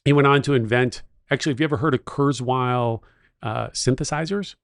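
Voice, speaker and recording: Middle aged guy cohosting a podcast, gravelly voice, dry close sound, eager storyteller. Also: mid-range voice, a little fast, dry recording. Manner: enthusiastic storyteller, techno-utopian. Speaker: podcast co-host. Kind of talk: casual chat.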